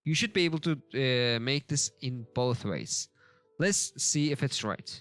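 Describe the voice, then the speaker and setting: Guy going thru a lesson out loud, slow and halting, keeps fixing himself, mid pitch. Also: expressive, dry recording, soft background music. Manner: halting, self-correcting, thinking aloud. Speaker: language learner teaching a lesson. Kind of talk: casual screen-share lesson commentary.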